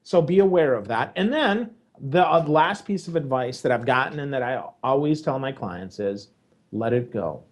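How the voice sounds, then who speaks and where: A man co-hosting a podcast, giving emphatic, lecturing advice in casual chat and swinging between loud and low. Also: animated, moderate pace. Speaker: podcast co-host.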